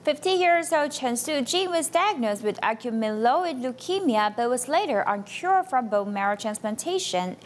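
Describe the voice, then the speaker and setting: A woman reading a scripted news voice-over in an even, measured way. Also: high-pitched. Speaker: news narrator. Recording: voice-over with loud music bed.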